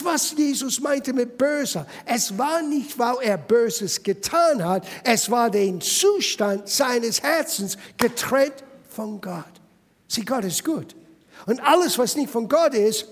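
A man's voice: sits high, slightly rough, in a large hall. A man preaching a sermon as pastor, emphatic and addressing the listeners directly.

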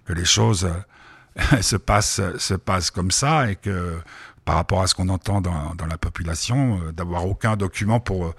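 A middle-aged man hosting a radio show, his voice low and a little husky. He rambles through a personal story with frequent pauses and restarts. The recording is dry and close. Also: a bit bright, no echo. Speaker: radio host. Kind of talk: casual first-person radio monologue. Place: home studio during quarantine.

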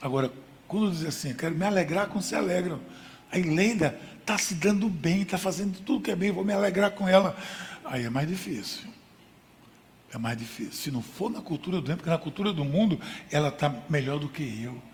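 A man's voice: fairly high pitch, expressive, brisk, slight background noise. A man preaching a sermon with emphasis, using contrasts and rhetorical questions. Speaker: pastor. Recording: long hall reverb.

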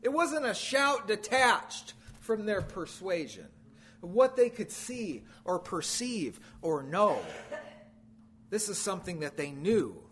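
A man preaching a sermon in an unusually high, bright voice, taking it slowly and deliberately. He hammers points through repetition, rising to loud declarations and sinking to low, quiet endings. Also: big pitch swings.

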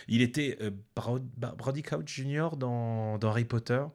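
A man's voice: medium pitch, moderate pace. A man co-hosting a podcast, chatting casually and telling anecdotes with frequent laughs and restarts. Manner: lively storyteller, laughs often, many restarts. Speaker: podcast co-host. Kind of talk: casual chat.

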